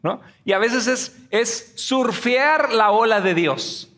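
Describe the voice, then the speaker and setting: High, bright-voiced preacher man in a reverberant hall. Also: slow. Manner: animated preaching with jokes and acted quotes. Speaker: pastor. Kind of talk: sermon. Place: church sanctuary.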